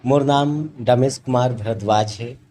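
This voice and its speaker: A man's voice: mid-range voice, unhurried, mellow, slight background noise. A man from Chhattisgarh with a Chhattisgarhi accent, a mimicry artist and stage announcer introducing himself formally and respectfully in a salon. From Chhattisgarh, India. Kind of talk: formal greeting and self-introduction.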